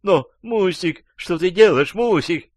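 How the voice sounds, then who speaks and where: Мужчина изображает визгливую испуганную женщину. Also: male voice, lively intonation, measured pace, darkish tone, no room sound, studio quality. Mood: shrill, frightened. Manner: shrill, squealing. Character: frightened shrill adult woman, lover's mistress.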